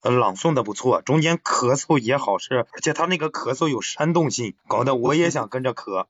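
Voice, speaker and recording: A man's voice: mid-range voice, expressive, a little fast, a bit bright, husky, muffled recording. A sick man co-hosting a comedy podcast, rambling and joking between coughs. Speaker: podcast co-host. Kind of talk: casual comedy podcast chat.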